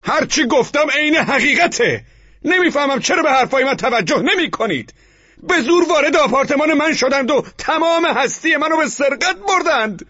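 A man voicing an indignant young male tenant who protests in a strained, high voice, in an audiobook. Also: sing-song, a bit bright, slightly rough, dull audio, full character voice. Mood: shouting. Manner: protesting, pleading. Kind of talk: audiobook character voice.

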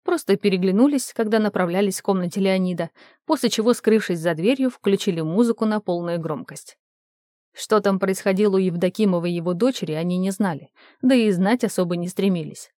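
A woman's voice: mid-range voice, fairly quick, dark tone, no echo. Woman reading an audiobook, dry sound. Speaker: audiobook narrator.

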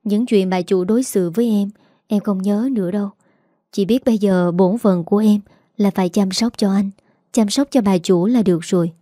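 A woman voicing a gentle young daughter-in-law who speaks softly and politely. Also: medium pitch, moderate pace, no room sound, studio quality, close to an everyday voice.

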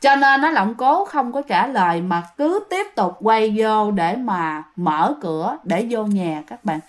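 A woman's voice: medium pitch, animated, measured pace. A woman with a Southern Vietnamese accent telling a ghost story in a chatty way, often speaking directly to her listeners.

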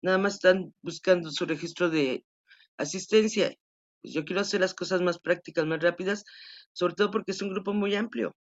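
A woman's voice: lowish voice, fairly even intonation, normal speed. Woman, teacher, online class, patient explaining, dull video-call audio.

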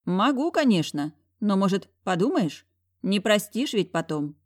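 A woman's voice: mid-range voice, sing-song, measured pace, darkish tone, no room sound, studio quality, pitched above the performer's own voice. A woman voicing a smug, teasing middle-aged male doctor in an audiobook. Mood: gentle. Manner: teasing, self-satisfied.

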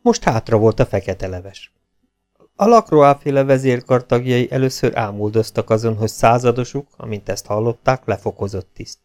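A man's voice: mid-range voice, expressive, darkish tone. Man narrating an audiobook. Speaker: audiobook reader.

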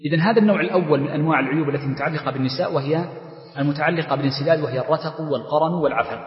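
A man who is a sheikh teaching Islamic law, explaining a legal text in class, repeating key terms and reading out passages before commenting on them. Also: a little high. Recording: echoey lecture hall, dull lo-fi sound.

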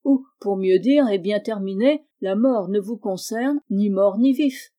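A cunning, glib sorcerer from a classic audiobook tale, as a woman reads him, preaching in a lofty, wordy way. The voice is mellow and soft-edged, with an even, measured delivery. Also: mid-range voice, lightly acted. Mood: lecturing.

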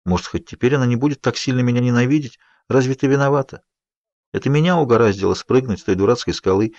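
Man doing sleepy teen girl, weak, mumbling, quiet, dry close sound. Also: mid-range voice, fast, no room sound, muffled recording, close to an everyday voice. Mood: weary. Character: exhausted teenage girl, half asleep.

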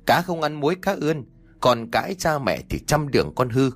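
A man's voice: mid-range voice, sing-song, moderate pace, faint music behind. A man voicing an old village mother who scolds her son in long, shrieking tirades. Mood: scolding.

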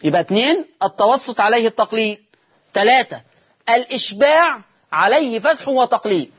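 A man's voice: extremely high pitch, lively intonation, a little fast, a bit bright, husky. A man with an Egyptian accent teaching Quran recitation rules on TV. He demonstrates each reading and poses questions he then answers himself. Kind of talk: televised recitation lesson. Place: TV studio.

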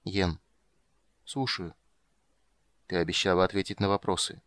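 A man doing a gruff, weary monster hunter. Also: level tone, normal speed, fairly bright tone, no echo. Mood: subdued. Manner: gruff, bitter, low-key. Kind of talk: audiobook character reading.

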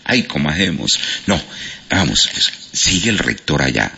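A man's voice: very deep voice, measured pace, creaky, breathy edge. A man with a Colombian Spanish accent hosting a radio quiz, reading out listeners' answers. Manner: animated, reads out listener answers. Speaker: radio host. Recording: lo-fi radio broadcast.

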